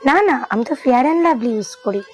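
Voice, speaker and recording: A woman acts a naive, literal-minded character in a comedy skit. Her voice is high, with faint music behind it. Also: lively intonation, moderate pace, darkish tone, natural voice. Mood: innocent.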